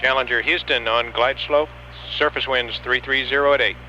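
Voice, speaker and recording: A man's voice: mid-range voice, steady tone, normal speed. Man on crackly, noisy space radio. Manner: clipped, procedural, dry joking. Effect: crackly archival space radio link. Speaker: mission control capsule communicator. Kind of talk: terse air-to-ground radio calls. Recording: noisy lo-fi 1980s radio transmission.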